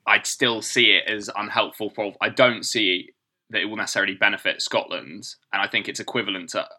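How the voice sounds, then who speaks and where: A man co-hosting a casual political comedy podcast, talking in quick, sarcastic bursts and giggling often. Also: fairly low pitch, fairly even intonation, sharp tone. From southern England. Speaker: podcast co-host.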